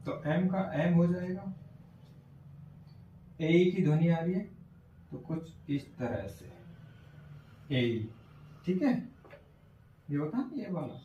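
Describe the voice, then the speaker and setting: A male teacher giving a classroom lesson on phonetic transcription, slowly sounding out words and often checking whether students follow. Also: on the high side, animated, mellow, lo-fi sound, slight background noise. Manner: slow, repeats sounds and checks understanding often. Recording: echoey room from far off.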